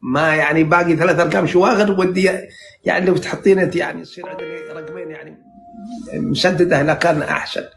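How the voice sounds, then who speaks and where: Soft music plays behind a sixties-aged Najdi dream interpreter from central Saudi Arabia, live-streaming a casual chat into his phone. His slightly high, fry-tinged voice rattles on very fast, full of flattery, fillers and restarted sentences as he rambles.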